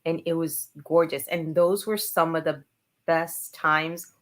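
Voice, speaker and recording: A woman co-hosting a casual talk show, telling a story in a relaxed, reminiscing way. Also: sits low, slow pace. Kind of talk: casual chat.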